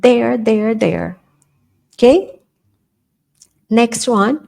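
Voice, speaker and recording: Female English teacher, Portuguese first language, chatty and informal, slightly high voice with some vocal fry; slows right down for example sentences. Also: darkish tone. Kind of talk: online English lesson for beginners.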